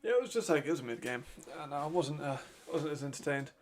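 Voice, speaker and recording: A man's voice: fairly high pitch, animated, fast, a little hiss or hum. A man giving casual, chatty live commentary while watching a football game, laughing often and trailing off mid-thought.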